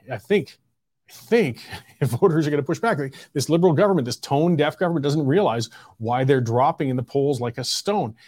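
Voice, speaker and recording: A man's voice: fairly high pitch, a little mellow, no echo. A man hosting a political commentary show, delivering a blunt, combative opinion monologue with mocking jabs.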